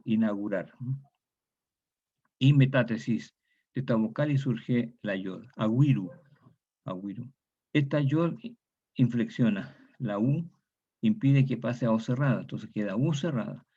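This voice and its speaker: In a dull lo-fi recording, a medium-pitched man with a dark, slightly rough voice teaches historical grammar online. He says every key word twice and frequently ends statements with a tag question.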